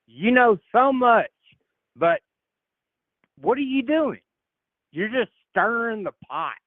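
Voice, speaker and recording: A man's voice: very high-pitched, sing-song, slow, no room sound. A man calling in to a live politics show, insistent and aggravated, pressing to finish his statement. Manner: insistent, keeps pushing to finish his point. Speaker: caller. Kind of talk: heated call-in argument. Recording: tinny phone line.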